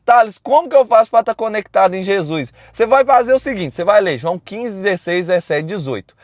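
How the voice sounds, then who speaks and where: A man preaches on a live stream in a loud, blunt way, talking straight to his viewers. His voice sits high. The sound is close and dry, with no room echo. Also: lively intonation, brisk.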